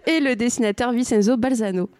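A woman hosting a casual podcast interview in an art gallery, laughing often and pausing on fillers. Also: a little high, a little mellow, clear, resonant tone, dry recording. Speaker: podcast host.

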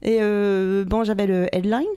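A Québécois woman comedian talking casually as a guest on a podcast. She tells stories in a lively way, full of quick asides, in an ordinary mid-range voice. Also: mid-range voice, clean tone. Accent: Québécois French. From Quebec.

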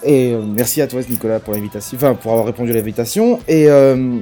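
Mellow-voiced podcast host. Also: male voice, mid-range voice, animated, fast talker, faint music behind. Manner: hesitant, many fillers and restarts, laughs often. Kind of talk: casual sports podcast chat.

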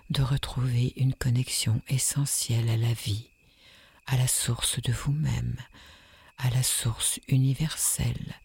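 A woman leading a guided sleep meditation in a soft, soothing, breathy whisper with long hypnotic pauses. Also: a bass voice.

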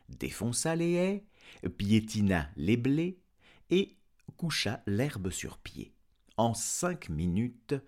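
A male audiobook narrator with a low voice and a lively, swinging delivery. He reads expressively, letting the phrases rise and fall. Relaxed storytelling pace. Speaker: narrator reading a novel aloud.

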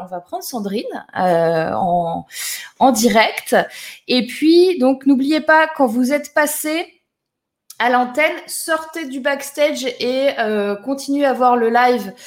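A woman hosting a live stream, chatting casually and greeting viewers by name. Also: on the high side. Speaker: live show host.

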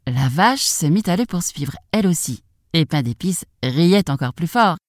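A woman narrating a children's story in an expressive, animated storytelling manner. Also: low voice, moderate pace, no echo, studio quality. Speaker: storybook reader.

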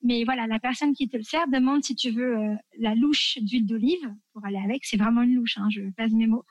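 A woman from France chats enthusiastically as a guest, recommending favorite dishes amid plenty of fillers and asides. Her voice is on the high side with a steady tone and a slightly fast pace, in a lo-fi recording with no room sound.

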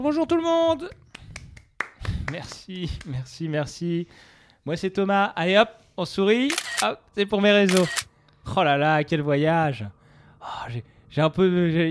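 Un homme qui joue un astronaute touriste français, bavard et sans gêne. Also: male voice, high voice, animated, measured pace, background noise, pitched above the performer's own voice. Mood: cheery. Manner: brash and chatty. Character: loud, boorish French tourist astronaut man.

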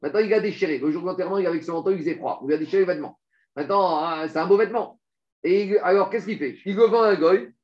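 A man teaching a Talmud lesson, explaining rapidly and animatedly while reading out Hebrew and Aramaic passages. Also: sits high. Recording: dull lo-fi recording.

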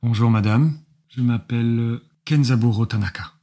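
A man voicing a formal, reserved middle-aged businessman in a slightly husky voice. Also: medium pitch, normal speed, mellow, natural voice. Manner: formal and courteous.

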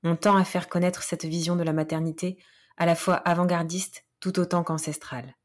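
Woman hosting a podcast, low-pitched. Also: fairly even intonation, normal speed. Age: 30s. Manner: hesitant, warm thanks with frequent laughs and fillers. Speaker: podcast host. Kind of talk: podcast interview.

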